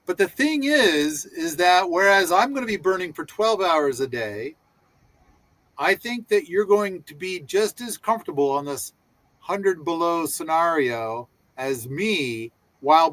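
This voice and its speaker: A man's voice: a little high, lively intonation, a little slow, fairly bright tone, no echo. A man hosting a casual panel discussion, enthusiastic and rambling with many restarts. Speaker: host.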